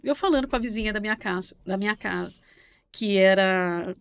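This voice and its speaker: A middle-aged woman from Brazil, a podcast guest, telling her story in a lively, warm way. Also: mid-range voice, brisk, smooth. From Brazil, São Paulo state. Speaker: guest, banking correspondent. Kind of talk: casual interview chat.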